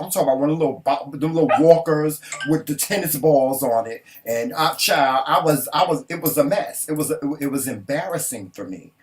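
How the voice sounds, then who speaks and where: A man co-hosting a casual talk show, speaking candidly and emphatically. He drops profanity freely and leans on repetition for emphasis. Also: a little high. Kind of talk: casual chat.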